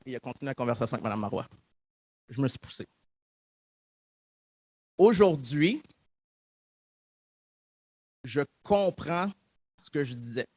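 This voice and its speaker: Slightly slow and full of long pauses, this man's mid-range voice is expressive, a little mellow, with a breathy edge and no echo. He's a guest speaker in his thirties from Montreal with a Québécois French accent, giving an earnest, reflective public talk about his own story and reenacting dialogue he remembers.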